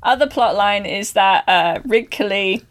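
A woman's voice: medium pitch, measured pace. A woman in casual podcast chat, chatty and giggly.

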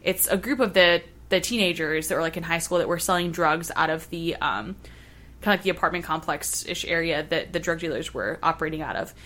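Female podcast guest: bright, animated storyteller who uses many fillers. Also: sits low, a little fast. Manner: animated storyteller, filler-heavy, laughs often. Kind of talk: casual chat.

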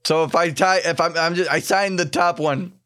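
A man's voice: a little high, fairly even intonation, moderate pace, fairly bright tone, no room sound, clean studio sound. A man playing a tabletop game, improvising in-character banter with stammers and casual swearing.

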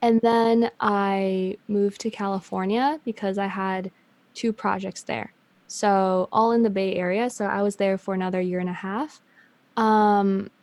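Here a guest chats in a relaxed, easygoing way, her mid-range voice a touch dark in tone. She's a young woman from China who grew up in Canada, so her Canadian accent has a slight Chinese flavor, and she laughs readily while stumbling through plenty of ums and false starts.

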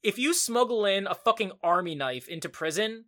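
A man's voice: sits high, lively intonation, normal speed, pushed and bright. A man co-hosting a casual podcast, profane and sarcastic, prone to ranting. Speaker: podcast co-host.

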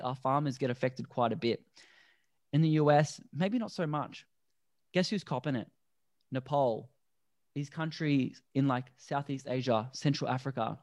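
A man, a guest on a podcast, explaining things earnestly and deliberately in a conversational interview. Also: medium pitch, no room sound, clean studio sound. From Australia. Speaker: podcast guest, endurance athlete.

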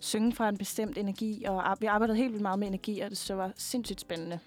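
A young woman talks in a relaxed, unhurried way, often pausing with fillers as she searches for words. Her voice sits at a middle pitch. Faint music plays underneath. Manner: relaxed, hesitant with many fillers. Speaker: guest singer. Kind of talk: casual interview chat.

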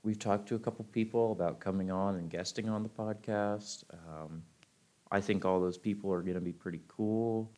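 A man's voice: lowish voice, fairly even intonation, moderate pace, warm tone. A man co-hosting a casual podcast, rambling and often breaking off mid-sentence, laughing easily. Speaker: podcast co-host.

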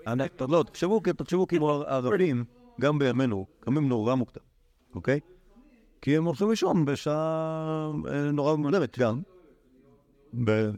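A man's voice: a little high, a little mellow. A man, a rabbi teaching a Talmud class to students, reading the text aloud and then explaining it in everyday speech with many restarts.

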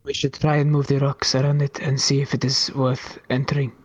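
A man's voice: mid-range voice, completely flat delivery, a little fast, breathy edge, dry recording, highs cut off. A man playing a tabletop role-playing game, speaking in an earnest, direct way. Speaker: player. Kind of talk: tabletop role-play chat.

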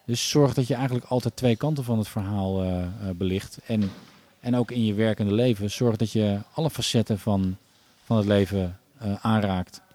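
Guy on a podcast, low mellow voice, lots of ehs and restarts, easygoing chat. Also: steady tone, moderate pace, hardly any pauses. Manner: thoughtful, many hesitations and restarts. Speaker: podcast guest. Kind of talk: casual podcast conversation.

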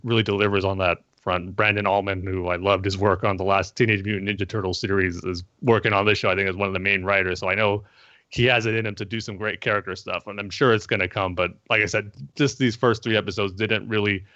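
A man on a casual podcast, giving a measured review with lots of hedging and fillers. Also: lowish voice, level tone, bright, forceful tone, dry recording. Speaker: podcast co-host. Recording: dull lo-fi dry sound.

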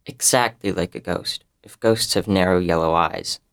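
Woman voicing a scared young boy, low and hushed, storybook. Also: moderate pace. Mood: nervous. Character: nervous young neighbor boy.

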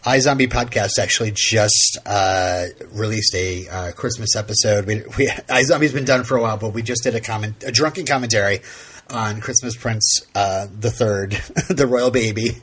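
A man's voice: fairly low pitch, moderate pace, a bit bright, slightly rough. A man co-hosting a podcast in a casual chat, rambling with many restarts and fillers. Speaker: podcast co-host.

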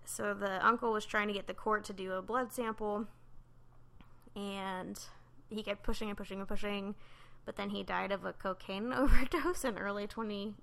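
A woman co-hosting a podcast tells a true crime story in casual storytelling chat, loose and full of "um" and "like." Her mid-range voice is a bit bright, with vocal fry.

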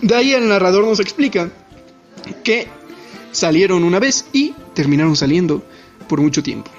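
Man, high voice, animated rambling anime recap, dull audio with faint music behind. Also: moderate pace. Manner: animated, rambling, self-deprecating. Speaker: podcast co-host. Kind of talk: casual chat recapping an anime episode.

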